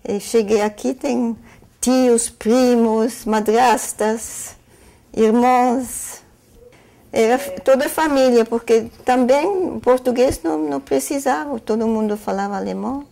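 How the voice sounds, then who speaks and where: A woman recalling her memories slowly in a documentary interview. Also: fairly high pitch, gravelly, warm tone.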